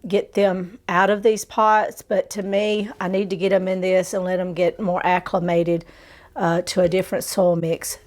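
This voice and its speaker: Under-the-weather woman hosting a gardening how-to. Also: on the low side. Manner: folksy, dropped endings like "gonna" and "'em". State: under the weather, recovering from strep throat. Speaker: host of a gardening channel. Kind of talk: casual how-to gardening talk. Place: greenhouse.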